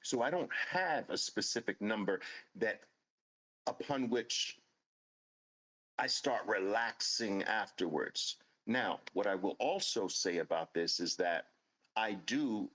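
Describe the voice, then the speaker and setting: A man's voice: on the low side, a bit bright, rough recording. A man in his late fifties, hosting a show and telling a personal story in an earnest, emphatic way, repeating phrases for stress. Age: 50s. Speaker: host.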